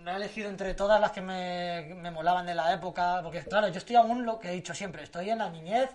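A half-hoarse man from Spain co-hosting a podcast in casual chat, joking, laughing often and swearing freely. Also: high voice, fast, darkish tone. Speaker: podcast co-host.

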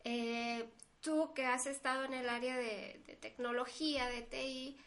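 A woman's voice: high-pitched, a little slow. A woman co-hosting a podcast in casual chat, talking conversationally and acting out what people say. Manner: conversational, quotes people in lively asides. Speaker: podcast co-host.

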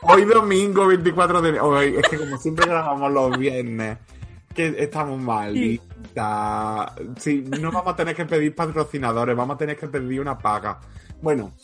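A podcast co-host with a voice on the high side speaks at a moderate pace, telling trivia in a playful, jokey way and laughing often. It's casual chat and storytelling, with music in the background.

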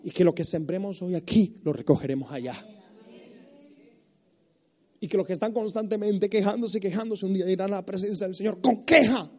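High-voiced impassioned male pastor. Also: a little fast. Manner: impassioned preaching, mimics complainers, builds to shouts. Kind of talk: sermon. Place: church service.

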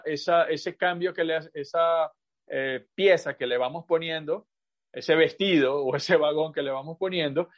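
A male language teacher runs an online class by video call, his voice a bit high-pitched and the sound muffled. He guides students patiently with examples and asides, repeating himself in drawn-out phrasing packed with fillers.

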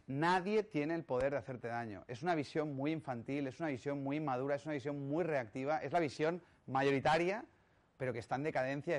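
A man from giving a motivational talk, emphatic and rhetorical, often checking in with the audience. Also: mid-range voice. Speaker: speaker on personal growth.

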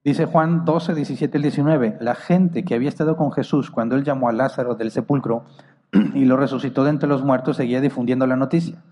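A male preacher walks through scripture in a teaching tone, reading commentary passages and posing rhetorical questions to his listeners. His voice sits in a middle pitch with a mellow, darker colour. A long reverb trails behind his words. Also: fairly even intonation, fairly quick. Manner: reads commentary passages aloud. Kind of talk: Bible teaching sermon.

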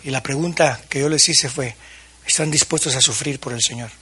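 A man's voice: mid-range voice, normal speed, sharp tone, slightly rough. A man preaching a sermon as pastor, addressing the congregation with questions and acting out quoted dialogue.

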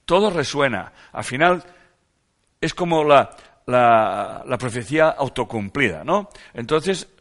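A man's voice: medium pitch, expressive, a little slow, fairly bright tone. Spanish man giving a self-help talk. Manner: rhetorical questions, repetitions for emphasis. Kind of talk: reflective talk reading from a text.

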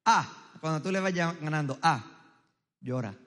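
High-voiced coastal preacher, joking. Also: male voice, expressive, measured pace. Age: adult, married. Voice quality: loud, strong voice. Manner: joking, storytelling, quizzing the crowd. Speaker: pastor. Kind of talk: humorous sermon with audience interaction. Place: large church hall with tiered seating. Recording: long reverb of a big hall.

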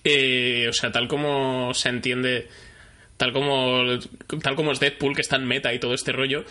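A man co-hosting a casual film review talk, speaking in a measured way and steering the discussion. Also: mid-range voice, flat delivery, sharp tone. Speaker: podcast co-host.

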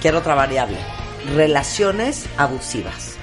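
Low-voiced woman radio host. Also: big pitch swings, music in the background. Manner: brisk, prompting the guest. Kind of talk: radio interview hosting.

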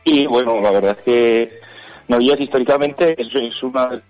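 A man's voice: medium pitch, normal speed, darkish tone, dry recording, faint music behind. A man, a town mayor, talking casually in a radio interview over a telephone line that keeps cutting in and out. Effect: choppy, breaking-up phone connection.

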